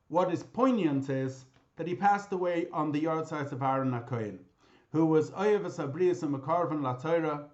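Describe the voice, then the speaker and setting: Over a video call, a British male rabbi delivers a memorial talk full of lively storytelling, sprinkling in Hebrew and Yiddish terms. His voice is a little high and the sound is lo-fi.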